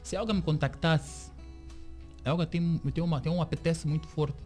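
A man being interviewed on the radio as a series creator, telling his story with lively acted-out quotes of other people. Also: fairly high pitch, normal speed, faint music behind. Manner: animated storyteller, acts out quoted dialogue. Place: radio studio.

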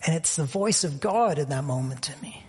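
Husky high-voiced male pastor preaching. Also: animated, moderate pace, darkish tone. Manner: reflective, personal storytelling with frequent fillers. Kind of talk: sermon.

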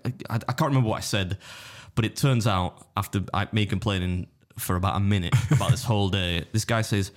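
A man's voice: lowish voice, fairly quick, hardly any pauses. A young man with a Yorkshire accent, co-hosting a podcast and telling a rambling story full of restarts and swearing. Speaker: podcast co-host. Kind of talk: casual chat.

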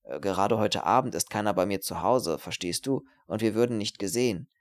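A man's voice: lowish voice, a little fast, voice pushed down, lightly acted. A man voicing a selfish, cowardly young male student in an audiobook, pleading nervously and turning spiteful. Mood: wheedling. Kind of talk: audiobook character reading.

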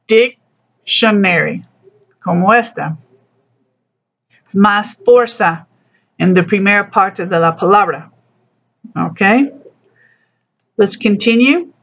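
Slow, patient teacher on a dull recording. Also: mid-range voice, fairly bright tone. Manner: slow, patient explanations mixing broken Spanish with English. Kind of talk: recorded class lesson walking through a textbook.

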